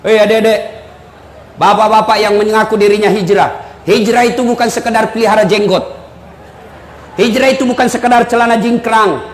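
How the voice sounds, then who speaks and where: A male preacher giving a joking live sermon, shouting to stress his points. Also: high-pitched, fairly even intonation, brisk, pauses often, a little hiss or hum. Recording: echoey hall with faint audience ambience.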